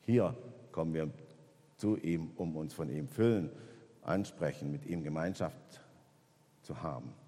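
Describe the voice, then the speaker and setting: A man preaching a sermon in a church, rising loud on key points and dropping soft in reflection. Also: a little slow, long pauses, big-room sound. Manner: rises in pitch and volume when stressing points, drops low and soft in reflection.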